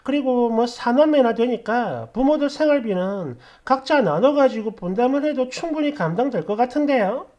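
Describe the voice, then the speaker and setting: Expressive woman reading stories. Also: a little high, moderate pace, few pauses. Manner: expressive, swinging between indignant and weary. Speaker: story channel narrator. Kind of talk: dramatic reading of online posts and comments.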